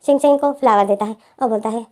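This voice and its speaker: Woman storyteller, plain explanatory narration, slightly high voice, mellow tone. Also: fast talker. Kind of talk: retelling fan fiction story.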